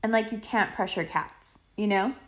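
A woman's voice: medium pitch, normal speed. A woman with a mid-range voice hosts a solo podcast. She rambles casually and playfully, mixing slang and swearing and stretching out words for emphasis. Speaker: podcast host.

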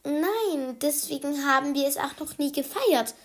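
A woman's voice: high-pitched, expressive, a little slow, pitched above the performer's own voice. A woman voicing a scatterbrained mother who brushes off her child's questions in a children's story. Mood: sheepish. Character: scatterbrained mother, dismissive yet fond.

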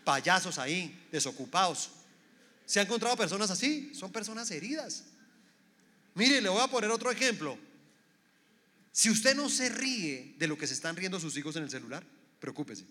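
A man preaching a sermon in a reverberant church hall. His voice sits fairly high and rings bright and forceful. He keeps checking in with the congregation through rhetorical questions. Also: sing-song, normal speed, pauses often. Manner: preaching with rhetorical questions, acting out quoted people. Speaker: pastor.

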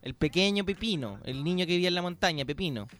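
Young Chilean man, radio co-host, high and bouncy voice, playful teasing banter. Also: fast talker, over music. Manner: joking, teasing, animated. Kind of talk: casual morning radio banter.

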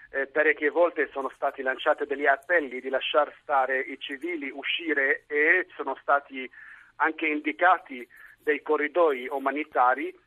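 A man who is a Franciscan friar, speaking earnestly over a phone line in a live radio interview, measured and full of small hesitations. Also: mid-range voice, no room sound. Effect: heard over a phone line. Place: his home city, by phone.

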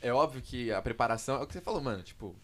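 A young Brazilian man hosting a casual podcast chat, lively and heavy on slang. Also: medium pitch, rapid-fire, a little hiss or hum. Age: young adult.

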